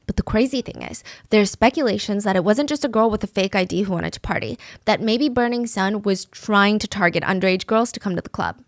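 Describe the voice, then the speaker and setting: A woman's voice: medium pitch, brisk, hardly any pauses, no echo, clean studio sound. A woman casually recounting a true crime case, talking conversationally and slipping into voices when she quotes people.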